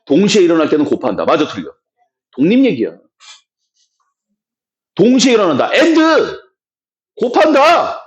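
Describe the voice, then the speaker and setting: A man lectures his math class in a rough, blunt way, firing quick questions at his students. His fairly high voice swoops wildly up and down, jumping to loud emphasis and then dropping to low muttered remarks. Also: huge pitch swings. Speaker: math teacher.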